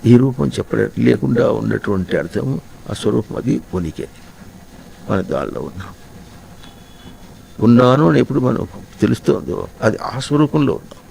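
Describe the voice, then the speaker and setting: Gravelly, mellow-voiced spiritual teacher. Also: male voice, mid-range voice, animated, a little hiss or hum, low-quality recording. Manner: slow, reflective, repeats and questions listeners. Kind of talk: spiritual discourse.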